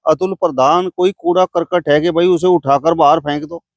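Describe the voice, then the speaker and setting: Brief: male field reporter, fairly high voice, dry close sound, pointed questions. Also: steady tone, normal speed, dry recording. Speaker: news reporter. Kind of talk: street interview reporting.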